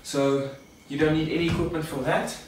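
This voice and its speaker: A young male fitness coach, voice on the high side, talks fairly quickly with fairly even intonation while casually instructing "guys" through a workout demo. The setting is a garage home gym, and with the camera a few metres away the recording sounds echoey and distant, with faint noise.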